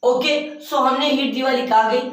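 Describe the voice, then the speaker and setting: Male physics teacher, lecture delivery, quizzes and answers himself, drawn-out key terms, distant and heavily echoing. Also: very high voice, fairly even intonation, a bit bright. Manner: asks questions and answers them himself; stretches out key terms word by word. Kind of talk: classroom lecture. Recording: very echoey room, voice from far off.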